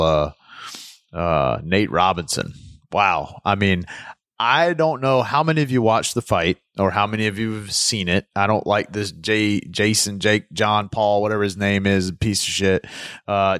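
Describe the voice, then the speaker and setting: Laid-back, low-voiced man in casual chat. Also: fairly bright tone, smooth, no echo, studio quality. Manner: loose, swearing, joking.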